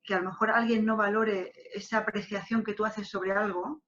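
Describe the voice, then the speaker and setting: A woman interview guest, a wedding planner, speaking reflectively and hesitantly with many pauses and fillers. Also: mid-range voice, little pitch movement, a bit bright. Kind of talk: reflective conversation. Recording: slightly dull lo-fi audio.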